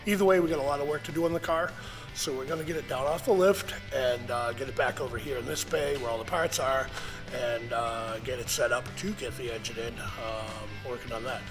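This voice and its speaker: A man's voice: medium pitch, steady tone, brisk, over music. A middle-aged man hosting a casual shop vlog from a large car restoration garage, talking loosely with lots of fillers into a close action camera. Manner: rambling, many "uh" fillers, easygoing. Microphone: action camera held or mounted close.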